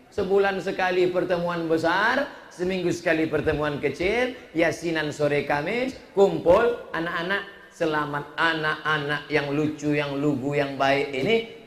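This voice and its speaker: A middle-aged man, preaching a humorous sermon with lively storytelling and jokes. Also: fairly high pitch. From Riau, Indonesia. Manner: joking, lively storytelling with acted-out quotes. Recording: echoey room.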